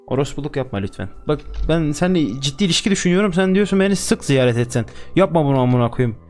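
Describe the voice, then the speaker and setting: A man's voice: a little high, animated, fast talker, a little mellow, faint music behind. A young man playing a game on camera, joking crudely and swearing constantly. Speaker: gaming YouTuber. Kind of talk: let's-play commentary.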